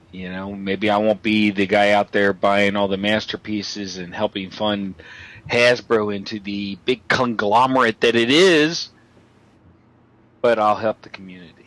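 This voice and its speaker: A man speaks in a casual group chat, earnest and measured as he explains his view. His voice sits a little low. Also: a bit bright. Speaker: guest.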